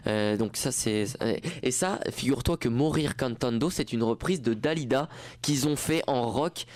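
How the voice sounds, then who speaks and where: Speaking at a normal speed in a darkish, mid-range voice, this young campus DJ chats loosely from the studio. There's no room sound on the studio mic, and his talk is rambling, packed with fillers and false starts.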